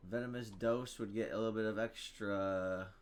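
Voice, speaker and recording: A man's voice: fairly low pitch, fairly even intonation, moderate pace, clean tone. A man casually commentating his own card game, thinking aloud, reading item text and groaning at bad luck. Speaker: gaming streamer.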